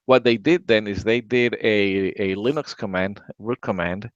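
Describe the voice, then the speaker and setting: Casual tech-podcast host, Latin American man, rambling and low-pitched, dull lo-fi sound. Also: a little slow, no echo. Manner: rambling, repeats words, many "right?" tags. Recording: dry, dull lo-fi audio.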